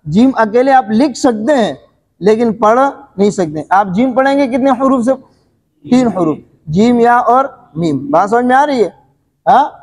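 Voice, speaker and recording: A male tajweed teacher with a fairly high voice, explaining rules patiently and throwing questions at his class before answering them himself. He clears his throat and coughs from time to time, and his words ring out with a long reverb. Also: a little mellow. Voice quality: repetitive question-and-answer teaching, frequent filler phrases. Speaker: Quran recitation teacher.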